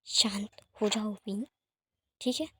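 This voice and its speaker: A woman doing a calm, steady young man. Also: fairly high pitch, normal speed, dry recording, studio quality, natural voice. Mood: soothing.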